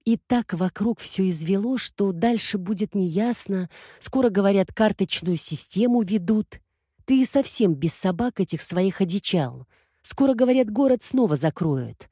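A woman's voice: mid-range voice, lively intonation, normal speed, warm tone, slightly rough, no echo, studio quality. A woman doing a rambling, nagging older mother. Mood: anxious. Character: chattering worried older mother.

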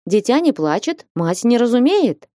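A woman voicing a blustering, hot-tempered old male merchant in an audiobook, scolding and shouting. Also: a little high, big pitch swings, moderate pace, no room sound, pitched above the performer's own voice. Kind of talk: audiobook reading.

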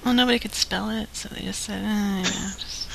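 A woman's voice: medium pitch, fairly even intonation, a little fast, gravelly, fairly bright tone, a little hiss or hum, rough recording. Dry teasing woman co-host. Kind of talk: live prank call stream.

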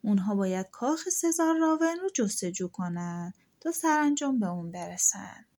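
A woman's voice: medium pitch, expressive, darkish tone, natural voice. A woman voicing a fierce giant talking bird. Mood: grand. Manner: commanding, curt demands.

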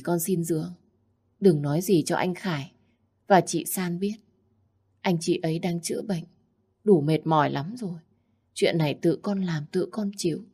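Brief: woman playing a falsely humble young schemer, soft and low. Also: slightly rough. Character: young scheming woman feigning meek innocence.

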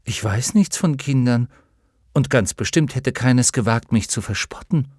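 A man voicing a proud, touchy young boy in an audiobook, quick to take offense. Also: medium pitch, a little mellow, no room sound, studio quality, natural voice. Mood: astonished. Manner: touchy, defensive. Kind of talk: audiobook character voice.

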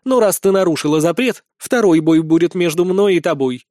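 A fierce succubus swordswoman from a storybook, mocking and vulgar, her taunts pitched up high and pushed out loud, as a male narrator puts her on. The voice sounds dry and close. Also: lively intonation, fairly quick, no echo. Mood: furious. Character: fierce, crude succubus warrior woman, adult.

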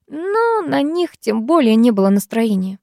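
A woman narrating a first-person audiobook in an expressive, emotional way. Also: fairly high pitch, measured pace, vocal fry, no room sound, clean studio sound.

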